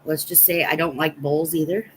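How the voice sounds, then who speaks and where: She's an American livestream host from Nebraska, casually telling meandering personal stories and chatting with viewers. Her low voice keeps a fairly even intonation and a moderate pace, with a little hiss or hum in the background.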